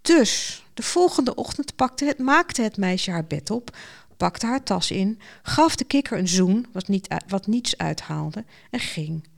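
A woman narrating a modern fairy tale with lively, expressive storytelling. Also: mid-range voice, unhurried, vocal fry.

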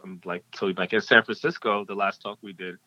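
A man's voice: lowish voice, steady tone, fast talker, sharp tone, no echo, lo-fi sound. A man being interviewed as a podcast guest, talking reflectively with frequent fillers and restarts. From Ghanaian-American. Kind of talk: casual interview talk.

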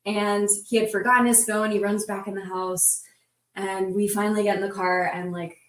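A woman's voice: medium pitch, flat delivery, normal speed, distant mic. A woman in a casual roundtable talk, retelling events in a vivid, breathless way with many "like" fillers. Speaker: roundtable guest. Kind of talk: casual storytelling. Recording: roomy sound from off the mic.

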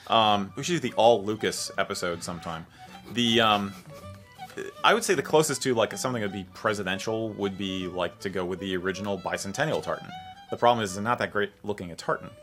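A man's voice: on the low side, a bit bright, faint music behind. A man co-hosting a podcast in casual chat, making his case in a reasoned, agreeable way. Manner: quick, agreeable interjections and reasoned arguing. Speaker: podcast co-host.

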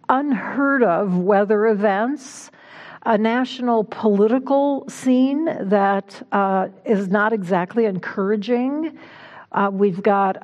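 A woman minister delivering a conversational sermon in a reflective, informal way, gently guiding her listeners. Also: mid-range voice, muffled recording. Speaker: minister giving a talk. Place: church sanctuary.

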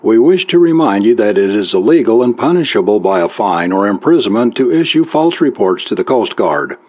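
A man's voice: fairly low pitch, sing-song, brisk, darkish tone. A man voicing a stern, bureaucratic male coast guard radio operator. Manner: stern, clipped radio protocol. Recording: dull lo-fi recording.

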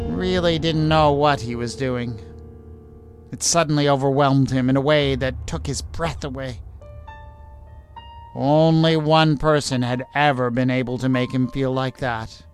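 Male storyteller, calm and deliberate, a little high; faint music behind. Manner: deliberate, calm narration with small stumbles. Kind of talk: dramatic story narration.

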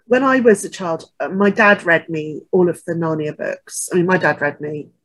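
Husky-voiced woman in a book chat. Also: lowish voice, normal speed. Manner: warmly agreeing, reflective. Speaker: podcast co-host.

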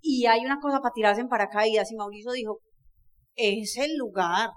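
A middle-aged woman from Colombia giving a lively, jokey storytelling talk to an audience, often asking them questions. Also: on the high side, moderate pace. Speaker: motivational speaker.

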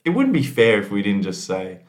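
Podcast co-host, man, low voice, playful and animated. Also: a little fast. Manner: jokey, animated, laughs often. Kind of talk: casual banter.

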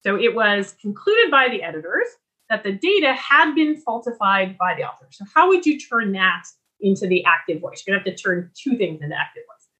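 A woman giving a recorded lecture on writing, explaining clearly and restarting her sentences as she talks. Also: medium pitch, sing-song, a little fast, bright, forceful tone, dull audio. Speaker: writing instructor.

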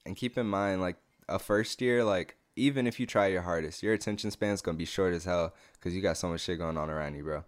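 A man's voice: low voice, fast talker, hardly any pauses. A young man and podcast co-host, chatting casually with slang, laughing often and blunt. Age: young adult. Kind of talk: casual chat.

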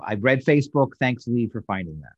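A man co-hosting a podcast in casual chat, reporting his research in a halting way and correcting himself as he goes. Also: medium pitch, lively intonation, breathy edge. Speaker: podcast co-host. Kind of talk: casual chat about a TV episode. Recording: dull lo-fi dry sound.

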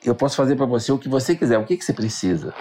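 A man's voice: mid-range voice, expressive, racing, mellow, slight background noise. A Brazilian man, a motivational speaker and interview guest, telling a personal story earnestly and acting out the dialogue.

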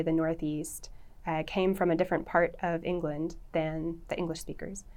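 Articulate woman professor, lowish voice. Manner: articulate, lecturing, thinks aloud with fillers. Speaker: linguistics professor, guest. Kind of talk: explanatory interview talk.

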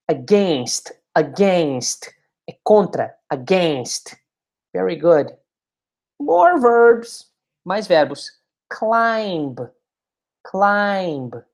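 A woman teaching English, speaking model phrases slowly for the listener to repeat and explaining them in quick asides. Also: on the low side. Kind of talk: English lesson with repeat-after-me drills.

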